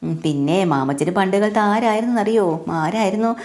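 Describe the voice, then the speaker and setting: A woman's voice: medium pitch, expressive, brisk, darkish tone. A woman chattily retelling a serial episode with frequent asides. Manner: chatty, tags lines with asides. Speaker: serial recap narrator. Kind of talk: casual story retelling.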